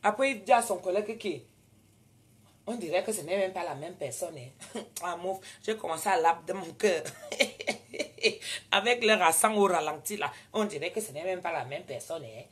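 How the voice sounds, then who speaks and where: A woman with a Cameroonian French accent telling a story in casual talk, animated and prone to loud indignant outbursts. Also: on the low side, normal speed. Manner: animated, switches into loud indignant retorts when quoting herself. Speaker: vlogger.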